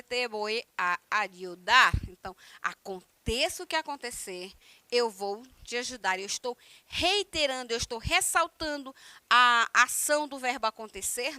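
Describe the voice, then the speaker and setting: A woman with a Brazilian Portuguese accent, teaching a recorded online Spanish class, slowly repeating each example and translating it. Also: fairly high pitch, sharp tone, smooth, no room sound.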